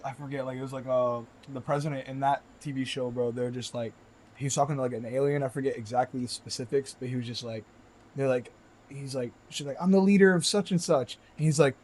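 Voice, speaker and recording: A man's voice: medium pitch, level tone, quick pace, darkish tone, low-quality recording. A man talking loosely on a casual podcast, full of fillers, slang and swearing. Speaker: podcast guest.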